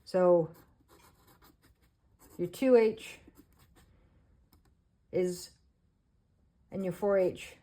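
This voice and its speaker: A woman with a Canadian accent talks through an art tutorial in an unhurried, casual voice-over. Her voice sits on the low side, and she speaks slowly in short, halting phrases, pausing between thoughts. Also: steady tone, warm tone. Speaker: artist teaching beginners.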